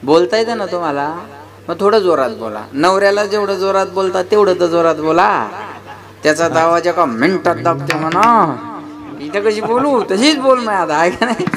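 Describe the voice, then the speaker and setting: Speaking at a moderate pace in a high, animated voice, a male kirtan preacher addresses a live devotional gathering. He tells stories in a humorous, folksy manner and repeatedly calls on the audience to respond to his rhetorical questions.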